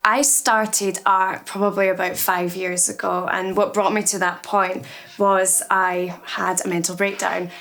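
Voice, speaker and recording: A woman's voice: mid-range voice, little pitch movement, measured pace, soft background music. A woman in her thirties from Edinburgh with a Scottish accent, speaking reflectively and candidly in a documentary interview. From Scotland, Edinburgh. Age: 30s. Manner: reflective, candid, softly spoken. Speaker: artist.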